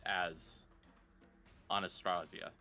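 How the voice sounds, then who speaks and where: Man running a tabletop game, slow pace, bright forceful voice, low pitch. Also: level tone, no room sound, soft background music. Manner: slow descriptive narration. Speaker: game master.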